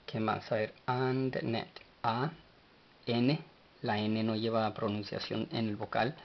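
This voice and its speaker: A man teaching a language lesson, speaking slowly and spelling words out letter by letter. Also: fairly low pitch, flat delivery, gravelly, muffled recording.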